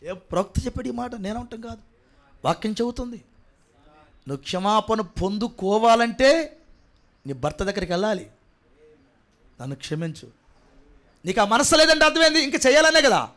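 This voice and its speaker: A pastor preaching a sermon with a coastal Andhra Telugu accent, swinging between quiet pleading and loud shouting and asking the congregation repeated rhetorical questions. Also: male voice, high voice, expressive, moderate pace, long pauses.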